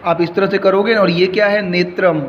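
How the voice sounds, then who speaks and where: A male teacher explaining a Sanskrit poem in Hindi, slowly and with much repetition, word by word, in a recorded lesson. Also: sits high, steady tone, in a large hall, highs cut off, slight background noise. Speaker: school teacher.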